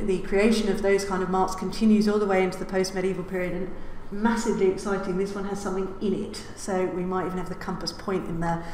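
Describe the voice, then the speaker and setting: A woman's voice: medium pitch, darkish tone. A woman giving a public lecture from a lectern, with many "uh"s and the odd wry aside. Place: lecture hall. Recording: roomy lecture hall reverb, faint hiss.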